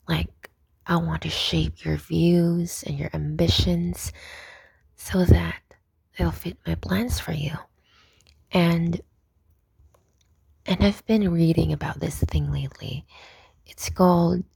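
A young woman whispering close to the mic in an intimate roleplay, soft, coaxing and dominant. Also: lowish voice, creaky, husky, no room sound. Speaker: audio roleplay performer.

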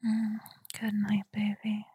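A woman whispering softly in a tender, soothing ASMR roleplay, speaking close to the mic. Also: mid-range voice, completely flat delivery, no echo. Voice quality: breathy whisper. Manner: soft, tender and soothing, slow murmurs. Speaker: girlfriend roleplayer.

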